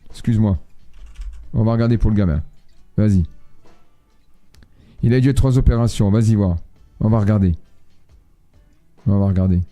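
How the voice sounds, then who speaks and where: Blunt, slangy man with a dark voice. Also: on the low side, moderate pace, pauses often, soft background music. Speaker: astrologer and medium hosting a live stream. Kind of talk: casual live-stream chat, reading viewer messages.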